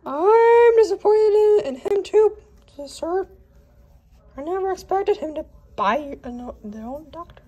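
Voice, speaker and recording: A woman's voice: sits high, lively intonation, measured pace, long pauses, a little mellow, lo-fi sound. A woman in improvised pretend play as a pet owner, scolding her dog in a playful, mock-dramatic way.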